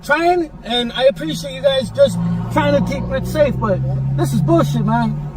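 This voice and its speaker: A man's voice: very high-pitched, normal speed. A man in street video footage confronting officers, emphatic and confrontational but repeatedly polite. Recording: distant phone video with outdoor noise.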